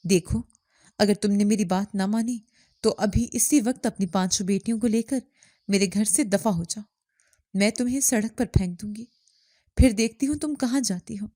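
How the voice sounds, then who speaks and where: Woman reads a scheming wealthy villainess: cold threats, sly bribes, mellow dry read. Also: mid-range voice, no echo, natural voice. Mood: threatening. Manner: threatening, coaxing.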